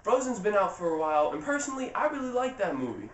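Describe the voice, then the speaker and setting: A man's voice: high-pitched, very animated, fast, a bit bright, distant mic, a little hiss or hum. A young man giving a comedic movie recap, profane, slangy and sarcastic. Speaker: YouTuber. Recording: roomy echo.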